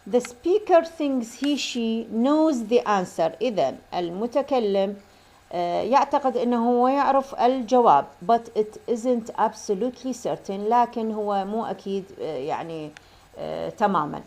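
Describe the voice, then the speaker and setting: Woman, English teacher, slow careful English examples, fast explanations. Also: on the high side, lively intonation, a little mellow. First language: Arabic. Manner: switches between slow, deliberate English examples and rapid Arabic explanation. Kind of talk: bilingual grammar lesson.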